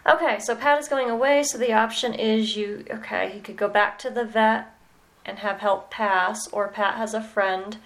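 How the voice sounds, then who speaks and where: A woman mentoring a student in animal communication, talking slowly and hesitantly with many pauses and "okay"s. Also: fairly high pitch, steady tone, low-quality recording. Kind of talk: mentoring session.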